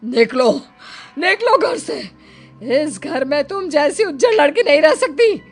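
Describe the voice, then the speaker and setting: A woman's voice: fairly low pitch, fairly even intonation, slow pace, soft background music. Woman playing a curt, stern mother-in-law. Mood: angry. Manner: curt, clipped commands. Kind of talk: audio story acting.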